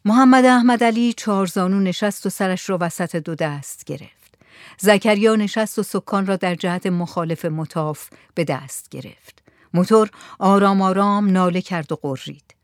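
An audiobook narrator reading a story in a steady, measured way. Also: medium pitch, dry recording, studio quality. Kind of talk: scripted narration.

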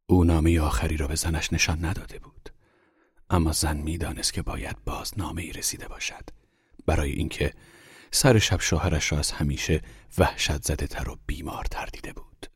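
A man reading a literary story aloud in a hushed, unhurried storytelling manner. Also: extremely low pitch, fairly even intonation, husky, no echo, studio quality. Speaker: audiobook narrator. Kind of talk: scripted literary narration.

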